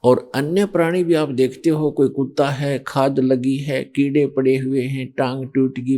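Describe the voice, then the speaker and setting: A man giving a slow, measured religious sermon, quoting scripture and explaining each point. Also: mid-range voice, dark tone. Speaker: spiritual preacher.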